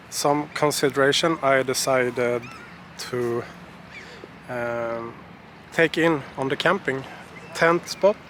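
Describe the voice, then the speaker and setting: A man giving a casual travel vlog update outdoors in a hesitant, halting way. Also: mid-range voice, fairly bright tone, a little hiss or hum. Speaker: travel vlogger.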